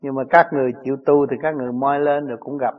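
A man's voice: mid-range voice, fairly even intonation, very fast, narrow, tinny audio. A man with a Southern Vietnamese accent, a spiritual teacher answering his disciples' questions in plain, chuckling stories. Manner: chuckling, plain-spoken storytelling.

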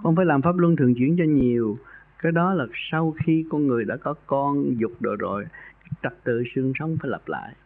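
A man's voice: medium pitch, fairly quick. Guy teaching meditation on a radio call-in, folksy and earnest, tinny phone line sound. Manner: folksy and earnest, raising his voice for emphasis. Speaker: spiritual teacher advising a caller.

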